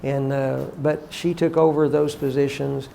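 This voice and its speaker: An older man, a college teacher, reminiscing about former staff in a heartfelt, halting way, often emotional and prayerful. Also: mid-range voice, level tone, creaky, mellow, a little hiss or hum.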